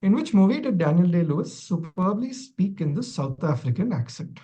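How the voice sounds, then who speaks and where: A man's voice: high-pitched, very animated, normal speed, warm tone, rough recording. A man acting as quizmaster, reading long questions and adding dry, wry asides.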